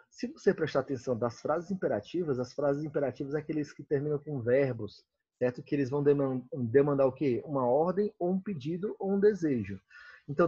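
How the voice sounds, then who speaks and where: Brazilian guy teaching grammar, dark husky voice, dull sound. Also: medium pitch, dry recording. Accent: Brazilian Portuguese. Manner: checks in constantly, reads comic lines aloud. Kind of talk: grammar lesson.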